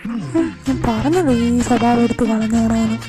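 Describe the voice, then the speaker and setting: A woman's voice: on the high side, normal speed, over loud music, lightly acted, low-quality recording. A woman voicing a young man, snappy at first and then soothing, in an amateur fan audio drama. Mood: exasperated. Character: young adult man, gruff then kind.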